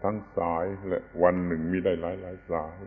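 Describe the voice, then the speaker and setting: A man giving an unhurried, explanatory Buddhist dharma sermon. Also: low-pitched, little pitch movement. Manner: unhurried, explanatory, stresses correct pronunciation. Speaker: Buddhist teacher. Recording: tinny lo-fi recording with long hall reverb.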